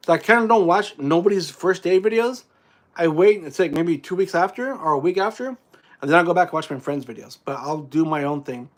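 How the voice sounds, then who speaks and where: A man, a theme park vlogger, chatting casually with viewers on a live stream, rambling with many restarts and fillers. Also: high voice.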